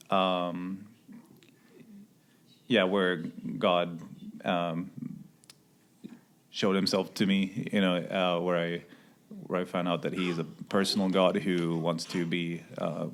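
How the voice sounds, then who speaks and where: Low-voiced man, hesitant. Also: little pitch movement, takes it slowly, pauses often, a little hiss or hum. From Sweden. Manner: hesitant, many fillers and restarts. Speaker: missionary pilot. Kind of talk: interview answers.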